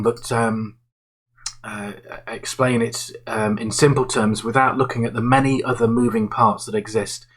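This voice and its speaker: A man explains an investment strategy with a simple example. His voice is husky and sits at a middle pitch. He talks in a halting way, with frequent fillers and restarts, like someone thinking aloud to clients. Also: a bit bright, rough recording. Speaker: investment manager presenting to clients.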